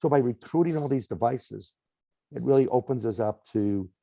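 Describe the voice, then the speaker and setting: With a Boston accent and a warm mid-range voice edged with vocal fry, a smart home company guest speaks at normal speed, explaining home tech in lists and often adding "right?" in a conversational interview. The recording is muffled, with no room sound.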